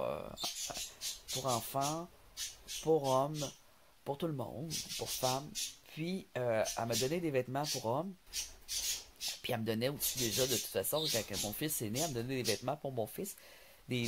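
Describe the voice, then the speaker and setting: A man's voice: mid-range voice, noisy background. A man with a Québécois French accent, telling rambling stories in a casual vlog, laughing often and stumbling on some words. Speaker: vlogger.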